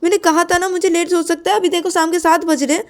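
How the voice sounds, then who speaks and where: Shrill scolding young woman, rapid questions, voiced by a woman storyteller. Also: fairly even intonation.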